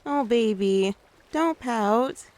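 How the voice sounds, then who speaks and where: A woman playing a gentle, doting mother in a soft-spoken ASMR role-play, soothing and coaxing as she talks to the listener like a small child. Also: a little high, lively intonation, extremely slow. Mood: tender. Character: gentle doting mother taking her little one out. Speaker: ASMR creator.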